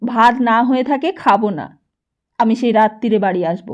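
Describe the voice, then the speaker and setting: A woman's voice: fairly high pitch, normal speed, a little mellow, dull audio, lightly acted. Woman playing a short-tempered young son. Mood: angry. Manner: curt, angry retorts.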